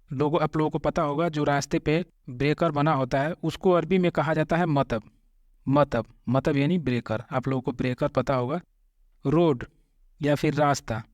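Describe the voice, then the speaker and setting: Male language teacher, repeats each word slowly, slightly raised pitch, dry close sound. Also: no echo. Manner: patient explaining, corrects common mistakes. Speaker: Arabic vocabulary teacher. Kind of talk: Hindi-language vocabulary lesson.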